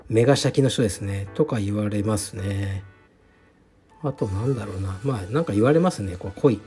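Mellow-voiced man chatting offhandedly. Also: lowish voice. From Fukuoka, Japan. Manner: relaxed, offhand, frank, with many fillers. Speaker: podcast host, jiu-jitsu gym founder. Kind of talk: casual solo talk answering listener letters.

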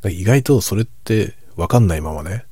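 A middle-aged man chatting casually in a hushed, soft voice, musing reflectively as if for late-night listening. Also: animated, no room sound. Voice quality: husky, breathy low voice. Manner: reflective, musing, unhurried soft-spoken delivery. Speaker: host of a late-night chat for falling asleep.

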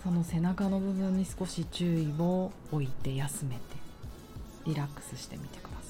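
A woman leading a guided grounding meditation, speaking slowly and soothingly with pauses as an exercise guide. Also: fairly low pitch, fairly even intonation, music in the background. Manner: slow, pausing, soothing delivery.

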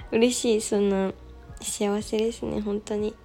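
A young woman hosting a casual solo radio talk, reading listener messages in a soft, gentle way with delighted thanks. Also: mid-range voice, little pitch movement, slow, gravelly, soft background music. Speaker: radio show host.

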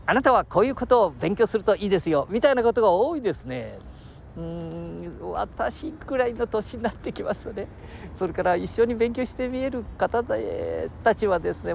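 A man's voice: sits high, vocal fry, a little hiss or hum. A man in his sixties from Aichi with a Nagoya dialect, chatting on his own show outdoors by the sea, rambling and chuckling as he jumps between topics. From Aichi, Japan. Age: 60s. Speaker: podcast host. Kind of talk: casual solo chat. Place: outdoors by the seashore.

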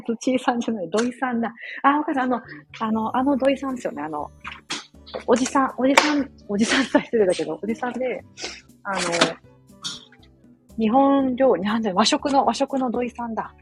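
A woman's voice: fairly high pitch, fairly quick, over music, rough recording. Rambling, chatty woman from Osaka. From Osaka, Japan. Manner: rambling, chatty, many fillers, apologetic asides. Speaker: live audio stream host. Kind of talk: casual chat while cooking, reading listener comments. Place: home kitchen.

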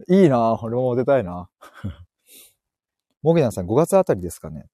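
A man's voice: mid-range voice, big pitch swings, unhurried, mellow, no echo, studio quality. A man hosting a casual live stream, reading listener comments and joking with frequent laughter while he walks outdoors, speaking into an earphone mic. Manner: playful, laughs often, joking. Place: outdoors, walking.

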